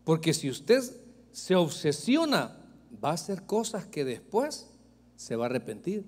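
A man's voice: a little high, sing-song, unhurried, big-room sound. A male pastor preaching a sermon, emphatic and joking as he speaks straight to the congregation. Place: church sanctuary.

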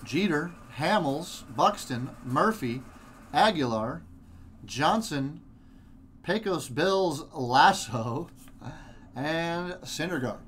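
A man hosting a live card break, reading player names in quick lists with chatty asides. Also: on the high side, lively intonation, fairly bright tone, slight background noise. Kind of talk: live group break commentary.

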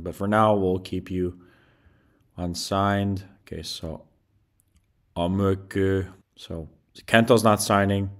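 A man giving casual, wry commentary on a hockey management game, talking to his players as he goes. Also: low-pitched. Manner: chatty, wry, talks to the players on screen. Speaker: gaming commentator.

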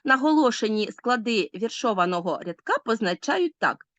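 A woman's voice: fairly high pitch, lively intonation, normal speed, a bit bright, no room sound. A woman teacher explaining a literature lesson step by step, speaking directly to her pupils.

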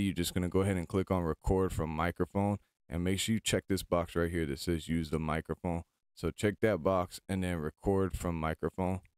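A man's voice: deep voice, a little mellow, clear, resonant tone, no room sound. A man hosting a screen-recorded tutorial, chatting informally as he gives step-by-step instructions into a close mic. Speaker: tutorial host.

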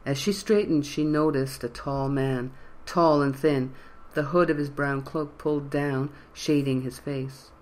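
A narrator reading a fantasy novel in an even, measured storytelling way. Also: medium pitch. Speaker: audiobook narrator. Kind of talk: scripted narration.

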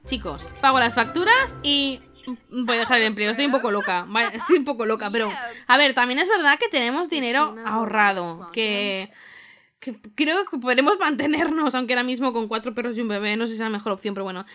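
A young woman with a Spain Spanish accent giving casual let's play commentary, expressive and exclamatory, often laughing. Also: fairly high pitch, a little fast, music in the background. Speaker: gaming youtuber.

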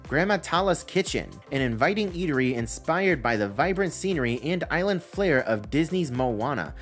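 A channel host reading a news breakdown over slides, listing items with rising emphasis. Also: medium pitch. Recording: faint background music.

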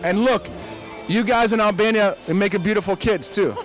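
Flirty, high-voiced male red carpet host. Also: moderate pace, soft background music, low-quality recording. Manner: flirty, playful, joking. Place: outdoor red carpet event. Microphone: handheld mic.

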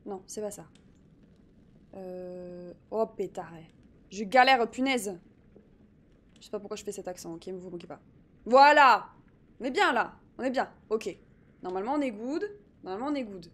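A woman streaming live, chatting excitedly with her viewers while fixing her setup. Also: medium pitch, quick pace. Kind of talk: live gaming stream chat.

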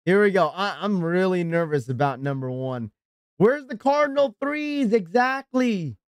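A man's voice: high voice, very animated, unhurried, smooth, dry recording, studio quality. A man live-streaming, reacting in an exasperated, ranting way and thanking subscribers as he talks to his viewers.

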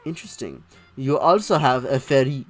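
A woman voicing a calm, dry female fairy in a game, with a measured, deadpan manner. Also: a bass voice, soft background music.

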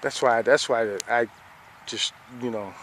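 A man's voice: medium pitch, unhurried, fairly bright tone, slight background noise. A man filming the sky outdoors on a handheld phone, rambling and repeating "see?" as he points things out. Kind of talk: casual filmed commentary. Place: outdoors beside a fenced yard.

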